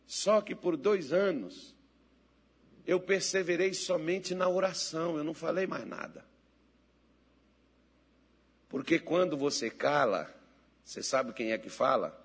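Pastor, male, high husky voice, folksy preacher who builds to fervent prayer. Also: measured pace, long pauses. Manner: folksy storytelling, laughing, rising to loud fervent prayer. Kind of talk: sermon with storytelling and led prayer.

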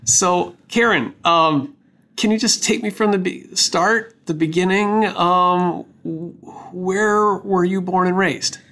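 A man's voice: high-pitched, fairly even intonation, slow pace, sharp tone. A man speaking as a podcast host, moving between promotional reads and casual interview talk.

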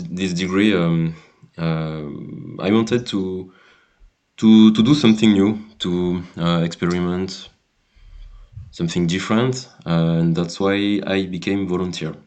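Deep-voiced young man, halting. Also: darkish tone. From France. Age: 20s. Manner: hesitant, repeats words, clears throat. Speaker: guest. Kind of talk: casual podcast interview.

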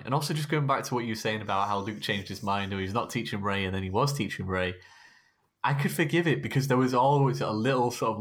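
A man's voice: lowish voice, fairly bright tone. Easygoing man in casual chat. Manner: easygoing, agreeable, laughs along. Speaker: podcast co-host. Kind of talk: casual chat about films.

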